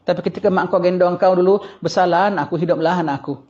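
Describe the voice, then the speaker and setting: A male religious teacher with a Singaporean Malay accent giving a lively, colloquial lecture, acting out the voices of the people he quotes. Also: high-pitched, quick pace. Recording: dull lo-fi lecture recording.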